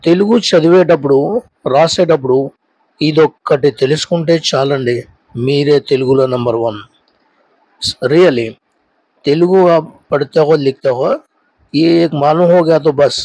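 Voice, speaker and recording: A man teaching a spoken language lesson. He explains slowly and repeats each point twice in two languages. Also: fairly high pitch, a little mellow, dry recording, rough recording. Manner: slow, deliberate drilling of sounds. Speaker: Telugu teacher.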